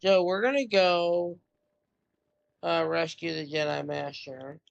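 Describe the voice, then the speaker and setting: A woman with a lowish, gravelly voice talks through her game in an easygoing, halting way full of fillers. The sound is dull and lo-fi, recorded at home. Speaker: gaming streamer. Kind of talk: casual gameplay commentary. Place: home room.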